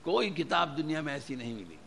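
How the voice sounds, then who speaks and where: A man's voice: on the high side, sing-song, creaky, fairly bright tone. A man giving an earnest, exhortative sermon to a gathering, repeating his key points. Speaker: religious preacher. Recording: reverberant hall with faint ambient noise.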